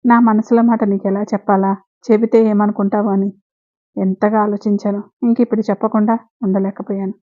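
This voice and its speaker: A woman's voice: medium pitch, level tone, a little fast, narrow, tinny audio. A woman hosting a storytelling channel, reading a love story aloud and voicing all the characters in her own voice. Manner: reads every character's lines in her own voice. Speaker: storyteller host.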